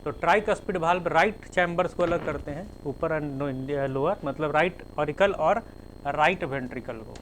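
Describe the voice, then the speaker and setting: A man's voice: fairly high pitch, moderate pace, fairly bright tone, a little hiss or hum, poor audio. A male teacher giving a classroom lecture, spelling terms out letter by letter and explaining with everyday examples.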